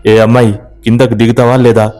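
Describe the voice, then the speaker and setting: A man voicing a stubborn young village husband who shouts and demands answers in a horror story. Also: medium pitch, level tone, moderate pace, soft background music, close to an everyday voice. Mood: shouting, demanding.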